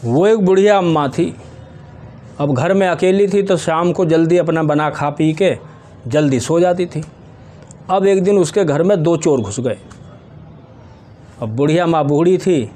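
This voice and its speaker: A man's voice: fairly high pitch, warm tone. A man, telling jokes in a casual storytelling way and acting out his characters' lines. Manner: storytelling, quick acted quotes of characters.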